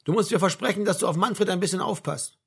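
Reading a novel aloud, a man voices a tired, blunt middle-aged mother scolding her grown son, sharp-tongued yet tender. His delivery is high, quick, creaky and breathy, with an exaggerated character voice.

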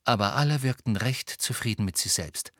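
A man narrating an audiobook in a measured storytelling manner. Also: medium pitch, a bit bright, no room sound, studio quality. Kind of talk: scripted narration.

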